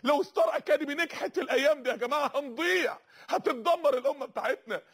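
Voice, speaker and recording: A man with an Egyptian accent preaches an impassioned sermon, urgent, rhetorical, and repetitive, calling out to his listeners. His voice is very high, fairly bright, and fast.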